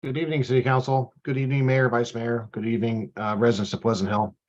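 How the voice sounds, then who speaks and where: A man calling in over a group video call to give a polite, halting public comment to a council, with many fillers. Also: mid-range voice, little pitch movement, a little mellow. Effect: heard over a group video call. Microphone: computer or phone on a video call. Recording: dull lo-fi video call audio.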